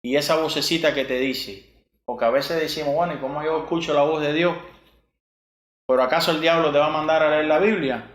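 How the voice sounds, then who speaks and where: A man's voice: fairly high pitch, steady tone, fairly quick. A man, possibly, preaching a sermon, asking rhetorical questions and repeating verses. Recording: echoey room.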